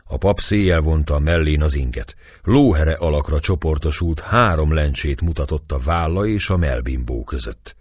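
A man reading a novel aloud as narrator in measured storytelling, husky voice. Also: rumbling low, darkish tone, no echo, studio quality. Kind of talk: audiobook narration.

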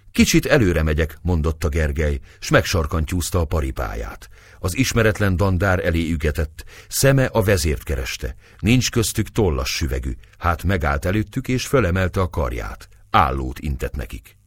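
A man narrates an audiobook in a very deep voice, telling the story in a measured way. His pitch is lively and animated, and the sound is dry and close. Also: husky, no echo. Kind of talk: audiobook narration of a historical novel.

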